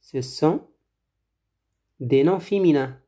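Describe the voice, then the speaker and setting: Language teacher for a recorded lesson: unhurried, measured, warm and low in tone, repeats each item. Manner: slow, deliberate, repeats words for learners. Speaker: French teacher. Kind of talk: slow drill-style French lesson.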